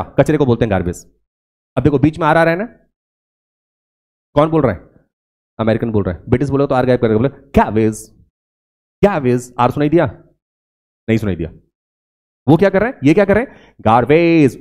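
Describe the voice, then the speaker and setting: A man from India teaching a spoken English demo lecture in a classroom, asking the class questions and repeating words slowly to show pronunciation. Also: a little high, darkish tone.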